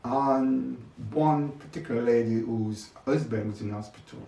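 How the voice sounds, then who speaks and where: An older man speaks reflectively in an interview, recounting his experiences in his own words. His mid-range voice is unhurried and dark, with vocal fry. The recording is echoey, with a distant mic and faint noise.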